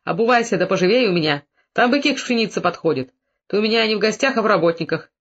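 A man reading aloud voices a rough, bullying peasant master who shouts at his young worker. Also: high voice, lively intonation, quick pace, lo-fi sound. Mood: shouting. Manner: mock-tender then shouting, rough.

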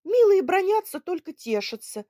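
A brisk, practical young woman, as a woman reader puts her on, impatient and urging. The voice is husky and warm, and the recording is dry. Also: fairly high pitch, sing-song, no echo, voice pushed up.

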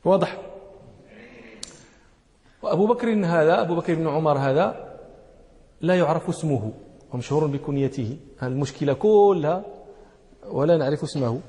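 A man's voice: fairly high pitch, expressive, normal speed, long pauses, dark tone. A man teaching a classroom lesson, explaining a text, repeating key phrases and checking that listeners follow. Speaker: sheikh teaching hadith. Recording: long hall reverb.

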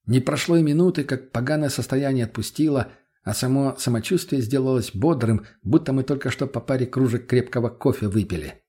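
A man reading first-person audiobook narration in an even storytelling delivery. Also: medium pitch, fairly quick, slightly rough. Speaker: audiobook reader.

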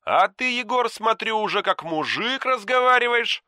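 A man's voice: high voice, expressive, normal speed, pushed and bright, no room sound, studio quality, pitched above the performer's own voice, full character voice. Anton, a man doing a cocky young guy. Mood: teasing. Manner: chatty, sly, easily offended. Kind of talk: audiobook character voice.

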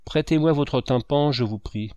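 A man voicing a proud, brutal male painter who mocks and shouts at his rival. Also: medium pitch, normal speed, no echo, lo-fi sound, voice pushed up, lightly acted. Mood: furious. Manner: loud, mocking, shouting.

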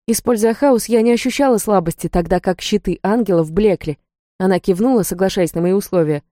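A woman narrating a first-person story in a steady, even storytelling manner. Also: medium pitch, a little fast, dry recording, studio quality. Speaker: audiobook narrator.

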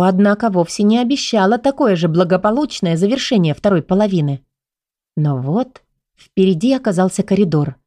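Woman audiobook narrator, mid-pitched, playful first-person storytelling, dry close sound. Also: mellow, no room sound.

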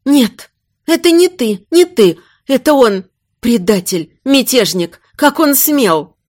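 A woman's voice: a little high, very animated, a little slow, dry recording, studio quality. A woman voicing a desperate young queen who pleads in a raised voice, near tears. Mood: frantic.

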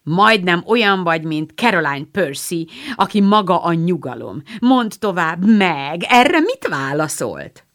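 A woman reading the part of a hot-tempered, tomboyish teenage girl in an audiobook, in an excitable, indignant manner. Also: lowish voice. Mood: teasing.

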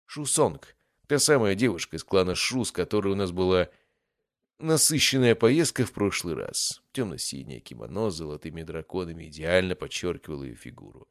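Deep-voiced man narrating an audiobook. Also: fairly quick, dry recording, clean studio sound. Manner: expressive storytelling. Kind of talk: first-person scripted fantasy narration.

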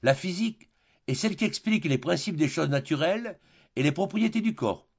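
A man's voice: fairly high pitch, lively intonation, brisk, slightly rough, highs cut off. A man reading a pedantic lecturing philosopher. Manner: didactic, lecturing, listing terms methodically. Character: pedantic, long-winded male philosophy tutor. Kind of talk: audiobook reading of a classic play.

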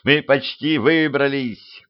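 A man voicing a gruff, practical cemetery watchman who talks bluntly and impatiently, on a dull lo-fi home recording. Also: medium pitch, big pitch swings, unhurried. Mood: urgent.

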